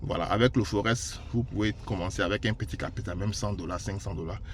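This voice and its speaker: A man, founder of a trading school, pitching his courses in an unscripted and explanatory way, with frequent fillers and hesitations. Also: quick pace, noisy background. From Côte d'Ivoire. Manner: informal and explanatory, peppers speech with "voilà" and hesitations. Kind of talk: unscripted promotional pitch to camera.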